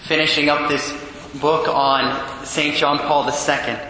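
A priest reading the Gospel and preaching a homily at Mass in a large church, his voice carried by a booming cathedral echo. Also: flat delivery, pushed and bright, a little hiss or hum. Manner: earnest, measured preaching. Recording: long echoey reverb in a large church.

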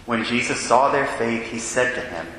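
Priest with booming cathedral echo. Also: male voice, animated, a bit bright. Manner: measured, solemn delivery. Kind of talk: gospel reading and homily. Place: large church. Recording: long echoey church reverb, faint hiss.

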